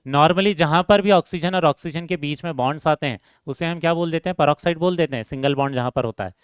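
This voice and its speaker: A man's voice: on the high side, fast talker, smooth, no room sound, clean studio sound. A man teaching a chemistry lecture who asks the class questions and answers them himself, repeats key terms and calls his students "beta".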